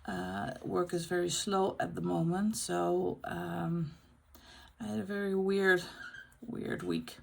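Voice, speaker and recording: The host of a colouring channel, a middle-aged Dutch woman, chats casually in English with a Dutch accent while colouring. Her fairly low voice is expressive with vocal fry, and her talk is unscripted, with frequent pauses to find words.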